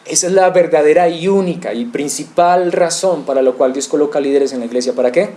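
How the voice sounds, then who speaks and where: A man's voice: fairly high pitch, fairly quick, dark tone. A male pastor preaching an expository sermon, asking rhetorical questions and addressing the congregation directly.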